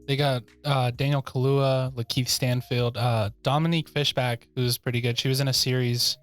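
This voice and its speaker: A young man speaks with a flat, even delivery in a casual podcast chat. He mostly drops short, dry one-liners and quick interjections. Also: medium pitch, faint music behind. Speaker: podcast co-host.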